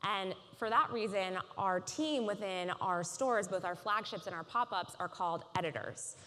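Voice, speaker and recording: A woman in her thirties giving a polished, measured conference keynote on a large stage. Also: mid-range voice, fairly bright tone. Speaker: keynote speaker. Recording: reverberant conference hall.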